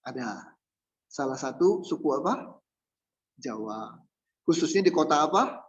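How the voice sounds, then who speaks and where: Lively Indonesian pastor preaching with humor. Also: male voice, fairly high pitch, a little slow, muffled recording. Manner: humorous, lively, acts out quoted voices. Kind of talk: sermon.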